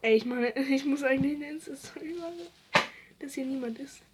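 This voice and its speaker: A woman's voice: high-pitched, fairly quick, a little mellow, slight background noise. A young woman co-hosting a casual podcast, teasing her friend with crude slang-heavy banter. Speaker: podcast co-host. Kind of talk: casual joking podcast chat.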